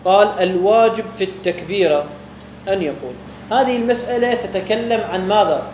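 A man's voice: high voice, brisk, darkish tone. A man with an Iraqi Arabic accent teaching a religious text, asking questions and answering them himself. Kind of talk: explaining a jurisprudence text to students. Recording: echoey room with faint background hum.

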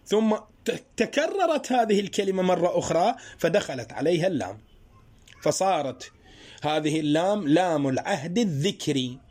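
Guy teaching grammar, high voice that jumps around a lot, walks through examples step by step. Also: big pitch swings, a little mellow. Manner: explains slowly with worked examples, rhetorical questions. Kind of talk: spoken Arabic grammar lesson.

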